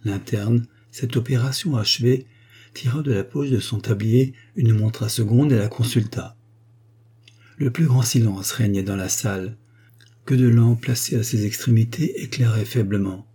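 An audiobook narrator, a man with a medium-pitched, slightly rough voice, reads a classic novel in a steady, measured way.

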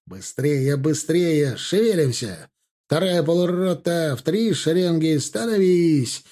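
A man's voice: a little high, animated, takes it slowly. A man voicing an army captain in an audiobook, barking orders to his soldiers. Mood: commanding. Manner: shouted orders. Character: bellowing male army captain, commanding.

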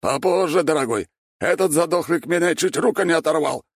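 A huge, boastful strongman with a hoarse, wheezing voice, voiced by a male narrator. He strains and crows his lines in a raised, lively voice. The recording is dry and close. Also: on the high side, brisk, no room sound, voice pushed up. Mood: straining.

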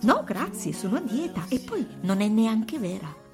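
Woman doing excitable boastful male angel for an audiobook fairy tale; high, lively, quick. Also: music in the background. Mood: playful. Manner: quick, excitable, pleading in bursts. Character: giddy fluttering male guardian angel, boastful and playful.

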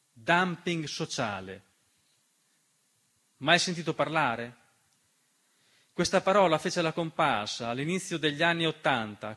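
A stage monologist delivers a theatrical political monologue, impassioned and rhetorical, addressing the listener directly. His voice sits on the high side with a bright, forceful tone, and piano music plays behind him.

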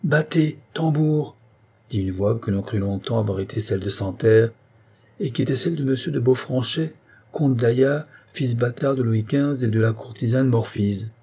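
A man reading a classic novel aloud as an audiobook narrator, in a measured, dramatic delivery. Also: medium pitch, steady tone, vocal fry, dark tone, husky. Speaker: audiobook reader. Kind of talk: scripted literary narration.

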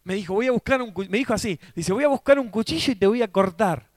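A man's voice: sits high, expressive, fast, no room sound, clean studio sound. A man with an Argentine accent, preaching a sermon as pastor and calling out to his congregation. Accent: Argentine Spanish. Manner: preaching with call-and-response to the congregation; acts out quoted voices with rising intensity.

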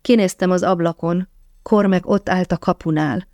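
A woman narrating a first-person memoir audiobook in a calm, measured, softly reflective way. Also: lowish voice, no echo, clean studio sound.

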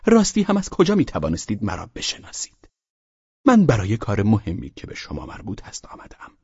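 A man voicing a bold, arrogant young man of about nineteen who speaks in a measured, haughty way in an audiobook. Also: fairly low pitch, huge pitch swings, a little mellow, slightly rough, dry recording, lo-fi sound, voice pushed up, exaggerated voice. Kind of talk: audiobook character voice.

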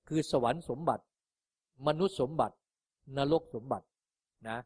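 A man teaching as a Buddhist meditation master, speaking gently and like a father to his listeners. He tends to close his phrases with soft little particles as he answers questions in a dharma talk. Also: on the high side, expressive, measured pace, slightly rough.

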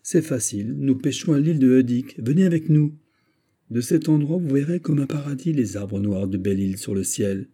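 A man's voice: medium pitch, moderate pace, mellow, husky, voice pushed up, natural voice. A man narrator voicing a proud, plain-spoken Breton fisherman, in an earnest, firm manner.

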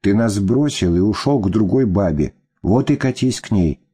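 A man voicing an angry young girl who shouts defiantly. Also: lowish voice, animated, normal speed, breathy edge.

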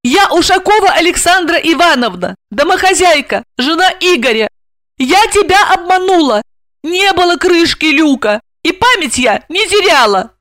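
A woman voicing a fiery young housewife heroine in an audiobook, loud, sarcastic and high-pitched. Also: very animated, moderate pace, no room sound, exaggerated voice. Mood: confessing. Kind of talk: audiobook character voice.

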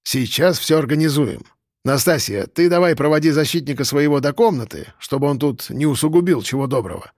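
A man's voice: a little high, expressive, fairly quick, a little mellow, dry recording. Man voicing a strict fifty-ish caretaker, commanding, dry close sound, audiobook. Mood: stern. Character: stern man around fifty, caretaker type. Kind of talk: audiobook character voice.

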